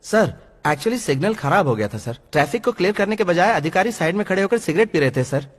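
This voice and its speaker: A man's voice: high voice, expressive, fast talker. A man dubbing an earnest young hero who pleads and explains himself in a Hindi film.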